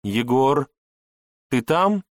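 A man's voice: sing-song, very slow, dry recording, studio quality. A man reading an audiobook, voicing a jealous young grand princess who pleads and scolds. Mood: urgent. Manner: pleading, then fiery and shrill.

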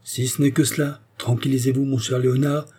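A man's voice: mid-range voice, flat delivery, a little fast, warm tone, breathy edge, pitched above the performer's own voice, close to an everyday voice. A man reading the part of a self-assured aristocratic duke who speaks in a soothing, reassuring way.

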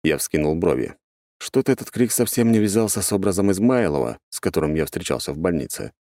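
Deep-voiced male audiobook narrator. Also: very animated, fast, dark tone, no echo, studio quality. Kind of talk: first-person audiobook narration.

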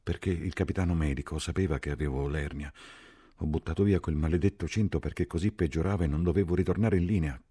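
A man's voice: a bass voice, quick pace, warm tone, husky, voice pushed up. A man voicing a resentful wounded soldier who grumbles and swears. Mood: grumbling.

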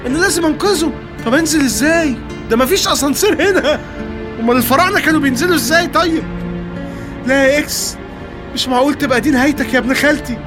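A man's voice: rapid-fire, over music. An actor with an Egyptian Arabic accent playing a panicky, dim, whiny man in a comic radio play. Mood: panicked. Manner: frantic, shrill, complaining. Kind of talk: comic radio drama acting.

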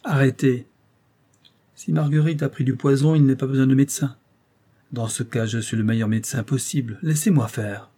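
A man reading a storybook who voices a calm, self-assured count. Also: mid-range voice, moderate pace, breathy edge, lightly acted. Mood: commanding.

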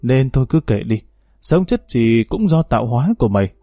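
A man's voice: mid-range voice, big pitch swings, fairly quick, mellow, no room sound, clean studio sound, soft background music. A man voicing a harsh, bullying older mother-in-law who scolds and threatens. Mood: scheming.

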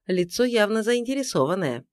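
A narrator playing a composed senior male investigator who talks in a measured, authoritative way. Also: sits high, very animated, no echo, studio quality, voice pushed up. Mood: level.

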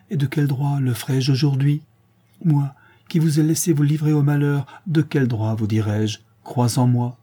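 A man's voice: mid-range voice, mellow, breathy edge, close to an everyday voice. A man reading as a despairing young lover. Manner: solemn confessional reading.

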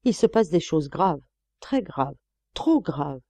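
A woman reading an audiobook and voicing a spiteful, intolerant nun who speaks in a shrill, scandalized, hissing way. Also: big pitch swings, slow, mellow, no echo, exaggerated voice. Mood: urgent.

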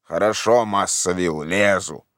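A man voicing a timid, simple old male servant in an audiobook, calling down slowly and plaintively. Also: deep voice, a bit bright, no room sound, clean studio sound, pitched below the performer's own voice. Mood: grumbling. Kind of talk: audiobook character voice.

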